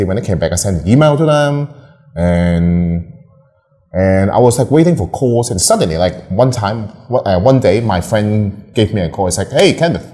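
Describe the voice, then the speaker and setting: A young Hong Kong photographer chats casually as an interview guest in a lowish, mellow voice. He laughs often and rambles, full of fillers and restarts.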